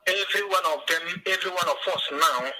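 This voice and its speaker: A man calling in on speakerphone, talking in emphatic, rallying, slow phrases over a noisy line. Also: sits high, bright, forceful tone. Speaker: caller. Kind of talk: call-in to an online talk show. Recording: noisy phone line heard through a speaker, far from the mic.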